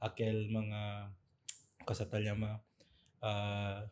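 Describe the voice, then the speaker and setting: Animated man telling stories. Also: fairly low pitch, slow pace, a little hiss or hum. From Zamboanga, Philippines. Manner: animated storytelling with playful mimicry. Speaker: podcast co-host. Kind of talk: casual chat.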